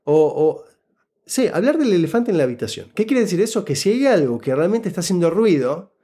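This interview guest from Buenos Aires, Argentina, has an Argentine Spanish accent and a fairly high, mellow voice with a breathy edge, talking a little fast. He tells a casual, conversational story in a very lively, swooping way, explaining job-interview advice and repeatedly checking that the listener follows.

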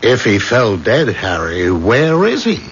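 Town doctor, rational, explanatory, animated intonation, period drama, faint hiss. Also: male voice, lowish voice, slow pace, full character voice. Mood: skeptical. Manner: reasoning, explanatory. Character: rational, patient male town doctor in olden days. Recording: dull, hissy old recording.

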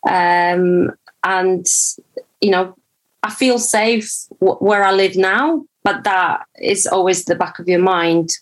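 A woman's voice: medium pitch, slow. A woman from Poland, a guest on a podcast, talking in a hesitant, reflective way with many restarts. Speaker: podcast guest, brand founder. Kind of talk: casual podcast conversation.

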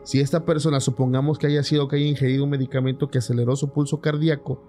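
Guy hosting a podcast, mellow voice, stumbles and restarts a lot. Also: medium pitch, level tone, quick pace, faint music behind. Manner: hesitant, stumbling and restarting his words. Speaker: podcast host. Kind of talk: casual chat.

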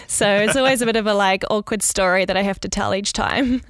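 A young woman with a New Zealand accent talks casually and candidly, peppering her answers with "like". Her voice is smooth and clear. The recording is dry, with no room sound. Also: medium pitch, a little fast, no room sound. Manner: chatty, candid, frequent "like" fillers, light laughs. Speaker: designer and freelancer, guest.

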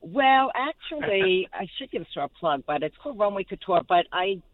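A woman's voice: medium pitch, animated, moderate pace, phone-quality sound. A woman in her sixties with a Brooklyn accent, chatting effusively as a caller on a phone-in from a car. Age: 60s. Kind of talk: casual chat. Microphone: phone call.

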